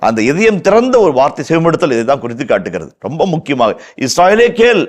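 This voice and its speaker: A man's voice: medium pitch, sing-song, quick pace, a little mellow. A man with a Tamil accent, a priest explaining the Bible verse by verse in an impassioned way, repeating phrases for emphasis.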